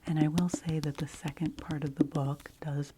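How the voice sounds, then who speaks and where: A woman giving an ASMR book review in a hushed library whisper that slips into very soft speaking. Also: low voice, little pitch movement, normal speed. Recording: noisy close recording with clicks and tapping.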